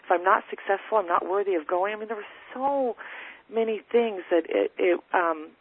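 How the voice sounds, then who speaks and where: A woman guest telling her personal story earnestly, in a halting way with many restarts and fillers. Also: medium pitch, slightly rough, no room sound. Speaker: podcast guest. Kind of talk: casual storytelling. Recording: dry tinny phone-line audio.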